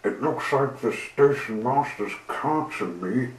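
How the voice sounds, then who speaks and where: A man's voice: medium pitch, slow pace, far from the mic, natural voice. A man voicing an eager little male steam engine in a storybook reading, breathless and keen. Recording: roomy with faint hiss.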